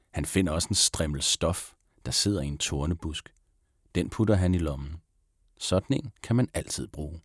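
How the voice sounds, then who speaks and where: Male audiobook narrator for children's stories: very low voice, calm, measured, dry. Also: dry recording. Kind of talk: audiobook reading of a children's book.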